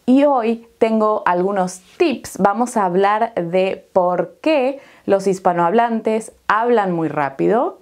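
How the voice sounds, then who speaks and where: An Argentine woman teaching an online Spanish lesson, explaining clearly and deliberately and asking rhetorical questions. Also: medium pitch, expressive, darkish tone.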